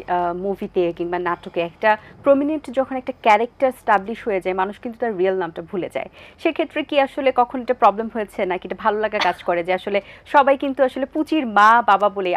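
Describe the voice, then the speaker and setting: A woman hosting a television talk show who asks her guests questions politely, pausing on drawn-out hesitations. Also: medium pitch. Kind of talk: TV interview questions.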